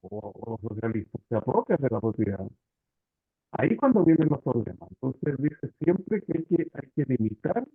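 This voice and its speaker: A man's voice: mid-range voice, gravelly, breathy edge, no echo. A man speaking thoughtfully in an online reading group, his audio breaking up over a bad connection. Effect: bad connection, choppy cutting-out audio. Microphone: badly plugged computer mic on video call. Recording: tinny, choppy video call line.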